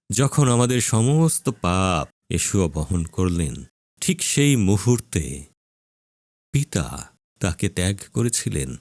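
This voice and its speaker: Slow, solemn male preacher, dry close mic. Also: sits low, a little mellow, no room sound. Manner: slow, solemn, emphatic with drawn-out pauses. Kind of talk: dramatic sermon narration.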